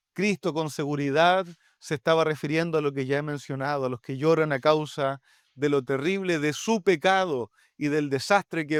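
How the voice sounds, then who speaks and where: A man's voice: high voice, clean tone, dry recording, studio quality. A man with a Chilean Spanish accent, a pastor preaching a sermon in an earnest, pleading way, often addressing his listeners directly.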